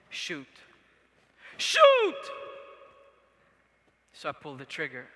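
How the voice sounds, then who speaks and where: A young man from Congo, speaking at an event, delivers an earnest motivational speech to a large live audience. His voice is on the high side with a sharp tone, and the sound reverberates through a large arena.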